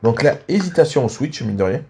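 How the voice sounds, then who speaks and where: Here a man hosts gaming matches with easygoing commentary, his mid-range, warm voice lively and a touch quick. Congested from a cold, he coughs and clears his throat repeatedly.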